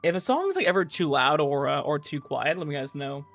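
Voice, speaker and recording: A man hosts a gaming livestream, talking casually and haltingly to his chat and often repeating words as he reads and answers messages. His voice is a little high, creaky, and fairly bright, with big pitch swings, and game music plays behind him.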